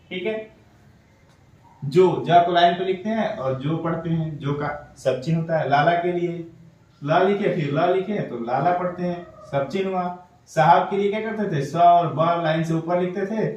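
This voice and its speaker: Male shorthand teacher, fairly high voice, patient question-and-answer manner, echoey room, mic far off. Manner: explains patiently, asks questions and answers them himself. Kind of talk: step-by-step tutorial explanation.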